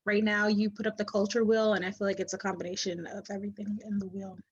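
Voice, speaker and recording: A woman in her early twenties, a student, speaking in a relaxed, offhand way over a video call. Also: mid-range voice, fast, husky. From Jamaica. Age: early 20s. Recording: dull lo-fi call audio.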